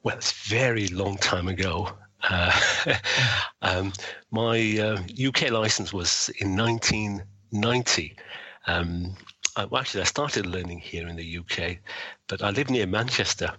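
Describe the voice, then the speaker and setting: A middle-aged or older man, an interview guest, telling anecdotes casually in a measured, hesitant way. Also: on the low side, pushed and bright, no echo, low-quality recording.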